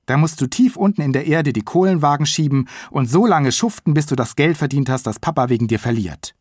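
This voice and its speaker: A man's voice: on the high side, a little fast, no echo, studio quality, voice pushed up, lightly acted. A man reading an audiobook, voicing an exasperated mother who scolds her son. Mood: grumbling. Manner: scolding, exclaiming.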